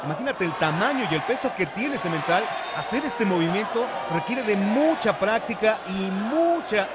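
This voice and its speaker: Male wrestling commentator, Mexican accent, high voice, theatrical emphatic delivery, very noisy arena crowd. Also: lively intonation, moderate pace. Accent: Mexican Spanish. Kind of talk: dramatic live lucha libre commentary. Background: loud crowd and arena noise.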